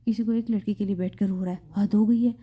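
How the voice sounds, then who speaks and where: A woman reading out a blunt young man in an audio novel, a gang boss's friend who scolds straight out. The voice is fairly high and the recording is muffled and lo-fi. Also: warm tone. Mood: scolding. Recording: slightly dull lo-fi recording.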